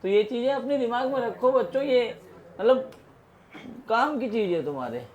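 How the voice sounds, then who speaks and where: A male teacher lectures a classroom with a raised, high voice. He chats, jokes and scolds students about study habits. The recording sounds muffled and lo-fi. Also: expressive, moderate pace. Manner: chatty, scolding and joking with students. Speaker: physics teacher.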